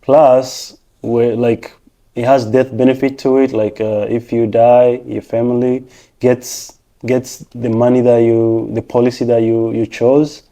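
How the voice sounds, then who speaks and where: A man from Rwanda answers interview questions casually, a little slowly, in a warm medium-pitched voice that barely moves in pitch. A technician and financial professional, he is patient and explanatory, taking his points one at a time.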